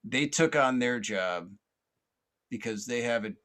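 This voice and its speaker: A man's voice: mid-range voice, lively intonation, unhurried, a bit bright. A man hosting a podcast, telling a long personal story in a loose, rambling way. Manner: rambling, lots of fillers and restarts. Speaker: podcast host.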